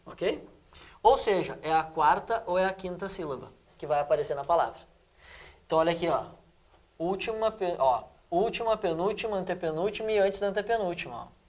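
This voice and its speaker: A man's voice: sits high, a little fast. A male teacher from Brazil, walking students through exam questions in a lesson and checking in with them often. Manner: lively, checks in with "tá?" and "perfeito?".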